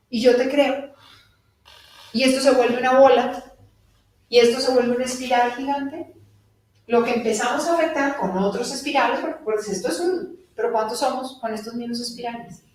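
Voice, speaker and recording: A woman giving a live spiritual talk to an audience, animated and laughing as she acts out little dialogues. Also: high voice. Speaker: spiritual teacher. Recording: echoey room from a distant mic.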